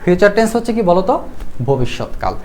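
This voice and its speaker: A man's voice: sits high, sing-song, quick pace, a little mellow. A man with a Bangladeshi Bengali accent, teaching English grammar in a live online class. He asks the class questions, answers them himself, reads out viewer comments and repeats key rules.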